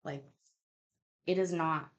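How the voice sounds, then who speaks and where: This woman in her thirties, host of a live online trivia chat, speaks slowly in a low-pitched voice with fairly even intonation. Between reading quiz questions aloud on her casual stream, she chats candidly, swears, and keeps interrupting herself.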